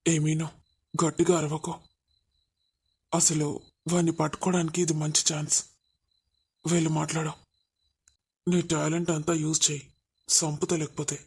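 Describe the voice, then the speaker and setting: Woman doing a suspicious scheming cartoon guy, lowish voice. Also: little pitch movement, normal speed, long pauses, breathy edge, exaggerated voice. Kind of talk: animated family drama dialogue.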